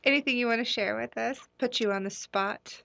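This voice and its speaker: A woman's voice: a little high, brisk, creaky, fairly bright tone, no room sound. A woman hosting a radio interview, asking rambling questions and encouraging her guest. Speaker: radio host.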